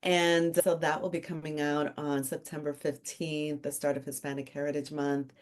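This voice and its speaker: A woman's voice: deep voice, level tone, moderate pace. A middle-aged woman from the Dominican Republic, a guest on a podcast telling her career story in a casual, joking way. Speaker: podcast guest, author and consultant. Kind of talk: casual interview chat.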